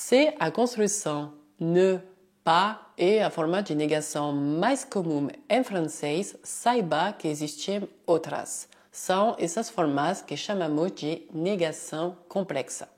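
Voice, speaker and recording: A woman teaching a language lesson, explaining clearly step by step and slowing down to say example sentences. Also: fairly low pitch, faint music behind. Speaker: French teacher.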